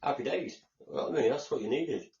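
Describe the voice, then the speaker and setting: A man's voice: mid-range voice, lively intonation, fast talker, darkish tone, lo-fi sound. An English man co-hosting a podcast, chatting casually and retelling conversations with lots of reported speech. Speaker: podcast co-host. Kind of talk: casual chat.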